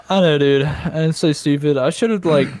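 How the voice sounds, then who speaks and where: A man's voice: a little high, measured pace, darkish tone, no echo. A young man hosting a podcast in casual chat, rambling and self-mocking, with plenty of swearing. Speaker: podcast host.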